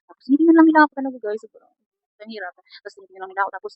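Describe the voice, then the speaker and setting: A woman's voice: high-pitched, animated, very fast, no echo. A woman tells a rambling personal story to her viewers in a casual vlog. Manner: rambling, chatty, keeps saying "guys". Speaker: vlogger. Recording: dull lo-fi sound.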